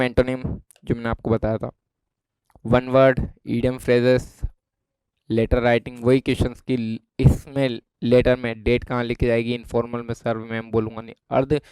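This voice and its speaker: A man's voice: mid-range voice, a little mellow, smooth, dry recording. A man with a Rajasthani Hindi accent explaining an exam syllabus in a chatty lesson, often checking that his students follow. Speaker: exam prep teacher.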